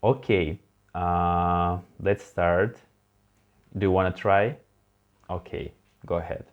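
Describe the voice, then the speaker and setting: A male tutor leads a beginner lesson in a very low, unhurried voice. He patiently prompts the learner to repeat each word and encourages them, and the audio sounds a little dull and lo-fi. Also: steady tone. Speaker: language teacher. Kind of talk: online language lesson.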